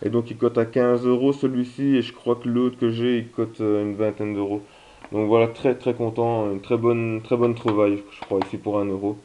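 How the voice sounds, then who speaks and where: A man's voice: medium pitch, little pitch movement, moderate pace, warm tone, dull audio. A man chatting casually in a vlog about his video game finds, talking hesitantly with many fillers. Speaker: video game collector vlogger.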